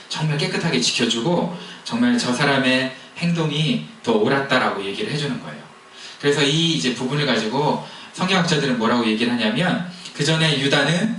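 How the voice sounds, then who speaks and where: A man's voice: mid-range voice, fairly bright tone, slight background noise. A man preaching a sermon in a conversational, storytelling way, asking the congregation questions as he goes. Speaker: pastor. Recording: echoey hall heard from a distance.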